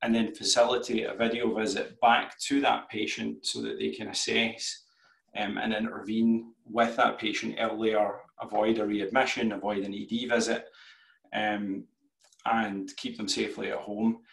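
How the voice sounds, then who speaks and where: A man with a broad Scottish accent giving a business pitch presentation as a startup CEO over a video call. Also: little pitch movement, moderate pace, gravelly, a bit bright. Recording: roomy video-call sound.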